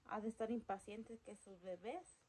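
A woman, narrating a casual vlog about her backyard chickens, speaking softly and sometimes cooing high to soothe a hen. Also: steady tone, normal speed, a little hiss or hum. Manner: soft-spoken, coos high and loud to soothe a hen. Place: backyard chicken coop outdoors. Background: clucking chickens and birds.

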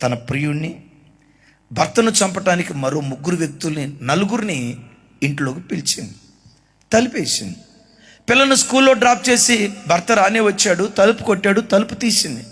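High bright-voiced male preacher. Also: lively intonation, normal speed, slightly rough. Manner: dramatic storytelling, acting out pleading and confessions, rising to shouts. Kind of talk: sermon.

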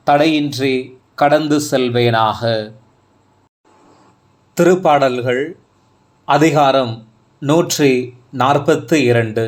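A man reading psalms aloud in a calm, reverent, evenly paced scripture reading. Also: medium pitch. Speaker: scripture reader. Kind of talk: slow, measured scripture reading.

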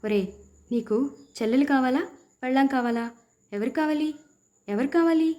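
A woman's voice: fairly high pitch, lively intonation, normal speed, dark tone, lightly acted. A woman voicing a poor young husband in a storybook, who pleads and cries out in anguish. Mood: frantic.

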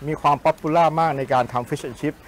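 A man's voice: a little high, steady tone, brisk, a little hiss or hum. A man co-hosting a cooking show, chatting casually and explaining food history and little English tidbits with playful asides. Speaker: co-host sharing food history and trivia.

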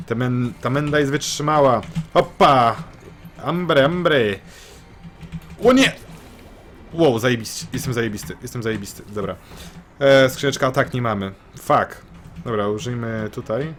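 Excitable man commentating a game. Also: mid-range voice, slight background noise. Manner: excitable, swears, repeats phrases in bursts. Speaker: gameplay commentator. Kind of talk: let's play commentary.

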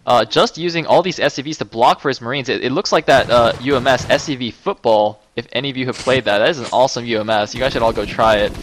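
A man casting a live strategy game match, getting louder and higher as the fights heat up. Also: fast talker, hardly any pauses, slight background noise, low-quality recording. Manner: excitable, voice rises with the action. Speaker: esports caster.

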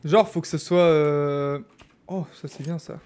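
A young man from France giving casual, animated commentary as he streams a game. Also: a little high, unhurried. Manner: chatty, animated, jokey, exclaims loudly. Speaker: gaming streamer. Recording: faint background noise.

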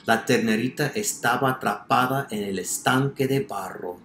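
A man's voice: medium pitch, moderate pace, a little hiss or hum. A man teaching by reading a picture book aloud to children, telling it expressively, dropping to whispers and asking the listeners questions. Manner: expressive storytelling, drops to whispers and asks questions. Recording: roomy echo.

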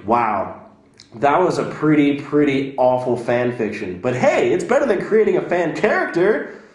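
A man's voice: on the high side, very animated, normal speed, far from the mic. Brief: snarky male web host, raised voice, very echoey room with music under it. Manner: sarcastic, exasperated, swears. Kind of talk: comedic rant reading fan mail.

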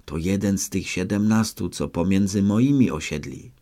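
A man voicing a loyal young male islander companion in an audiobook, reporting urgently in a hushed tone. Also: low-pitched, moderate pace. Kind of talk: audiobook character voice.

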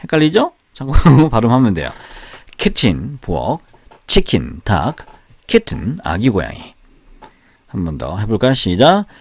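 Man, Korean native, pronunciation lesson, repeats words slowly, dry close sound, animated pitch. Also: slightly rough, no echo. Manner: repeats each word slowly, drilling aloud. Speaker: English pronunciation teacher.

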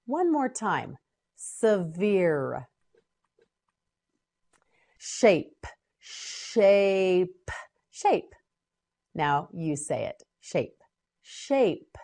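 Very slow woman drilling single words. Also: on the low side, big pitch swings, vocal fry, mellow. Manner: repeats each word several times, short prompts to repeat. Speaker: pronunciation teacher. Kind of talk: slow word-by-word drill for learners.

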